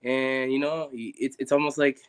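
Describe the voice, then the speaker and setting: A man's voice: mid-range voice, level tone, moderate pace, clean tone. A young man from Guatemala talking earnestly and reflectively as a guest, with many restarts. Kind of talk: casual conversation on a live stream.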